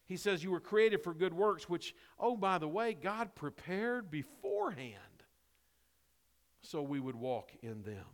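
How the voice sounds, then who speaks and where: A male pastor with a rather high voice, preaching a sermon while his voice turns hoarse. He pushes key lines hard, then sinks into low, quiet asides. The sound rings out with a long reverb of a big sanctuary. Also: very animated, measured pace. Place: church sanctuary. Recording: long reverb of a large hall.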